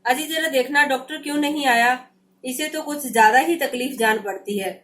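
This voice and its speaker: A woman's voice: high-pitched, normal speed, a bit bright. A woman teacher reading aloud the lines of a worried mother fussing over her sick son, in an anxious, pleading tone.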